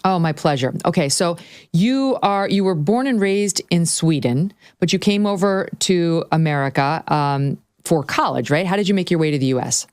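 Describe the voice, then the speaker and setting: A woman hosting an interview show, reading ads and asking brisk, direct questions. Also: fairly low pitch, animated, darkish tone, clean tone, no room sound, studio quality. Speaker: host.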